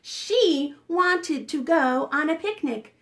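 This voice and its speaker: A children's librarian reads aloud expressively to preschoolers, asking questions to coax them along. She speaks slowly in a high, fairly bright voice with lively intonation.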